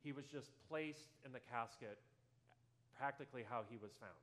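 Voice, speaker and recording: A male pastor preaching a sermon in a church, telling a story earnestly and going softer at tender moments. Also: mid-range voice, normal speed. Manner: earnest storytelling, drops softer for quoted lines.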